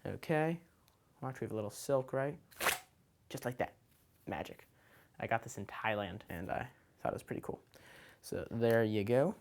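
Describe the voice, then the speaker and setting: A man talking casually as a children's magician, explaining his kit item by item in an informal, loosely improvised, hesitant way. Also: medium pitch. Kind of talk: casual show-and-tell explanation.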